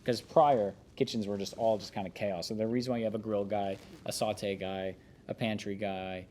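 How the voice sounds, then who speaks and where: Relaxed man reading and chatting on a podcast. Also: lowish voice, normal speed, slight background noise. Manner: relaxed, rambling, with frequent fillers and restarts. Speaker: podcast host. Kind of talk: reading a memoir aloud and casual chat.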